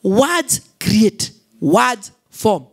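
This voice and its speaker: A Kenyan woman pastor delivers a sermon in a mid-pitched voice. She repeats her key phrases for emphasis, moves between English and Swahili, and calls on the congregation to answer her. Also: big pitch swings, drawn-out words, slightly rough.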